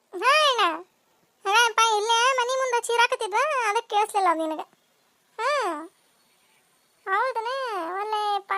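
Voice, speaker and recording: A voice actor playing bickering, nosy village women in a cartoon, with a North Karnataka Kannada accent and a sped-up, high-pitched voice. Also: pushed and bright. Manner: shrill, scolding, quick back-and-forth banter. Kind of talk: cartoon voice acting.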